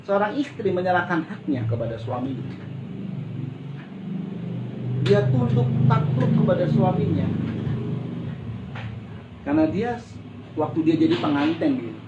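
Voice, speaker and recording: A man's voice: high-pitched, big pitch swings, unhurried, long pauses, muffled recording. Colloquial preaching man in an echoey church. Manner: conversational preaching, often addressing listeners as brothers and sisters; colloquial, with frequent exclamations and repetition. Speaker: pastor. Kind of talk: sermon. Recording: echoey hall with faint ambient noise.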